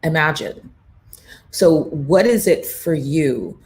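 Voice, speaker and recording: Her voice is low and a little mellow, with lively intonation, and she takes her time. As a morning show host and brand coach, she delivers a preachy, emphatic motivational talk on a live stream, quoting inner voices and citing her faith.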